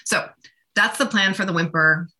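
A woman's voice: medium pitch, moderate pace, sharp tone. A woman state representative talking earnestly and casually on a radio show, with lots of fillers, from a remote call. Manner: earnest, chatty, many "like" fillers.

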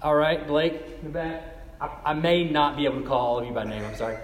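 A man's voice: on the high side, fast talker. A man teaching a Bible class, chatty and laughing often as he calls on students by name. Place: large room with a class. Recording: echoey hall with long reverb.

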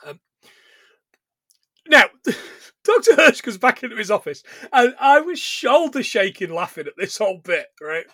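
A man's voice: very high-pitched, measured pace, dry recording, studio quality. A man co-hosting a casual chat, recapping a film with lots of laughter and swearing. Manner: animated, sweary, laughs a lot. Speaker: podcast co-host recapping a film.

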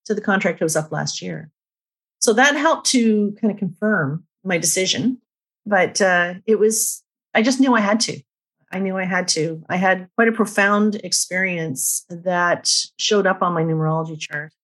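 A woman's voice: fairly low pitch, moderate pace, a bit bright. A middle-aged woman, a numerologist, telling personal stories candidly and emphatically in a podcast interview. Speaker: numerologist guest.

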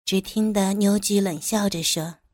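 A woman's voice: mid-range voice, steady tone, a little slow, darkish tone, dry recording, studio quality. A woman narrating a first-person story as an audiobook, in a knowing, lightly mocking manner.

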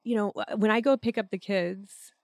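A woman co-hosting a podcast, hoarse and raspy from a cold, chatting in a reflective way with many fillers. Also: medium pitch, fairly even intonation, moderate pace, no room sound, studio quality. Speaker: podcast co-host. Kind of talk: casual chat.

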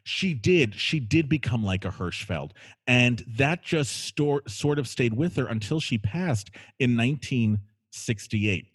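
A man's voice: medium pitch, animated, measured pace, husky. A man hosting a conversational interview, effusive and emphatic, often repeating phrases for weight. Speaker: host.

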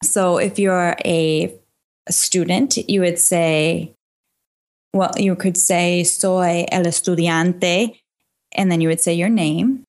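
A woman physician answering interview questions in a relaxed way, slowly spelling out phrases and laughing often. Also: lowish voice. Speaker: physician guest.

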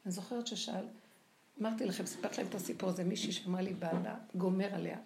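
An older woman giving a lively spoken religious lecture, acting out the voices she quotes. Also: medium pitch, vocal fry. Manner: animated, acts out quoted voices. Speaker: religious teacher. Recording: echoey room with faint noise.

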